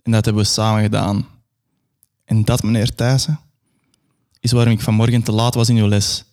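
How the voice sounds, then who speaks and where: A man's voice: lowish voice, flat delivery, normal speed, darkish tone. A young man performing a grandiose, absurdist dramatic monologue.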